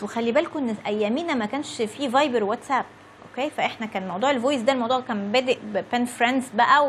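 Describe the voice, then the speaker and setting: A woman's voice: on the high side, slight background noise. A woman in her thirties with an Egyptian Arabic accent, chatting to viewers as an English teacher and checking in with a frequent "okay?". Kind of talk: casual lesson talk to viewers.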